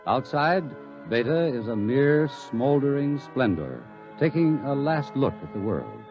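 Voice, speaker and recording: A man's voice: medium pitch, very animated, measured pace. A man narrates a radio drama in a solemn, ominous manner. His mid-range voice rises and falls widely. Faint music sits behind the slightly muffled recording.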